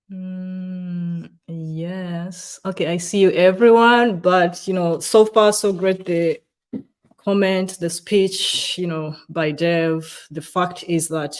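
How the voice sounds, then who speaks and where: A woman's voice: lowish voice, a little mellow. Chatty Ugandan woman hosting a webcast. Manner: chatty and upbeat, greeting viewers by name. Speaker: webcast co-host. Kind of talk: live webcast chat reading audience comments.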